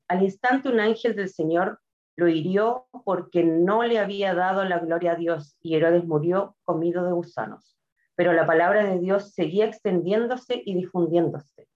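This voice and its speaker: A woman reading a scripture passage aloud in a steady, measured way. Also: on the low side, lo-fi sound. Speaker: scripture reader.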